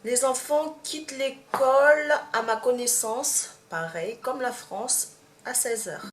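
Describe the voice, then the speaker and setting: A woman's voice: high voice, slow pace. A young woman from Martinique with a Martinican accent, chatting to camera in a casual tag video, hesitant with many fillers and restarts. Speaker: vlogger. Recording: echoey room, faint background hum.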